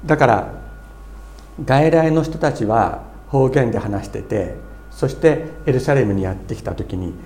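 A man's voice: medium pitch, expressive, a little slow, a little mellow. A middle-aged man preaching a sermon in an earnest, explanatory way, with fillers and restarts as he goes. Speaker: pastor.

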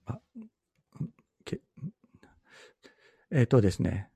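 A middle-aged man, a pastor, giving a Bible teaching sermon in a measured, explanatory way, repeating key phrases for emphasis. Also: medium pitch, expressive, gravelly, dark tone, breathy edge, dry recording.

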